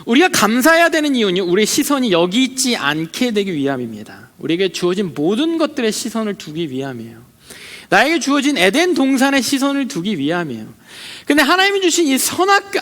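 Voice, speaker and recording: A young man preaching to a young adults service in a high, bright voice. His pitch swings widely as he acts out complaints and prayers and tells stories from his own life. Long reverb from the hall trails behind his words. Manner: animated, acting out quoted complaints and prayers; conversational, with personal stories and questions to listeners. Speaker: junior pastor. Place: church hall.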